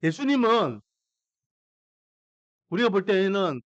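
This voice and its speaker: Male pastor preaching; emphatic, animated pitch, dry close sound, keeps asking the congregation questions. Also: slow pace, no echo, highs cut off. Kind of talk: sermon.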